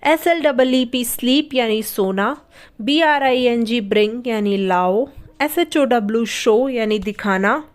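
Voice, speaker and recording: A woman's voice: a little high, takes it slowly, clean tone. A Hindi-speaking woman teaching vocabulary, spelling each word letter by letter and asking questions she then answers herself. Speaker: English teacher. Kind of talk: spoken vocabulary lesson.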